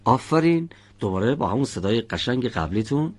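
A man teaching Quran recitation, patiently correcting his students' pronunciation and demonstrating each sound slowly. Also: mid-range voice, sing-song, slightly rough. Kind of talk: patient classroom instruction.

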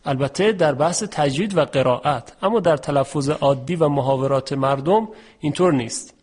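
A man teaching a Quran recitation lesson, explaining rules patiently and drawing out example words slowly. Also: on the high side, darkish tone, slightly rough. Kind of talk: tajweed lesson.

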